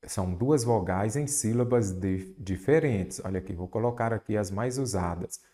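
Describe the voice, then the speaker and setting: A Brazilian Portuguese teacher works through exam questions aloud, posing his own questions and answering them. His voice is on the low side and mellow, at a moderate pace, and he keeps repeating a mnemonic while stretching key words for emphasis.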